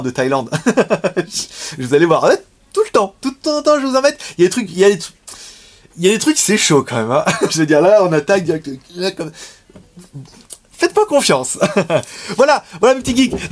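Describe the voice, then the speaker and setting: Brief: male vlogger, high and very animated voice, frank slangy chat to camera, quick chuckles. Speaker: vlogger and shop owner. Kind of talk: casual to-camera update. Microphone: camera facing speaker.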